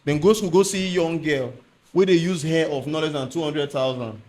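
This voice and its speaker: Nigerian man talking Pidgin, slightly higher voice. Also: fairly even intonation, normal speed, a little mellow. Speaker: podcast panellist. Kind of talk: panel discussion in Nigerian Pidgin mixed with English.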